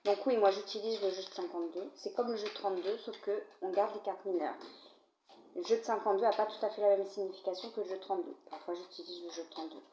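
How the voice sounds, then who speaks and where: A woman with a cold speaks fast, with fairly even intonation and a dark tone, while coughing through a tarot-style card reading to camera; a little hiss or hum is audible. She addresses the viewer casually and frequently says "d'accord?". The recording is low in volume, dull and roomy, made at home.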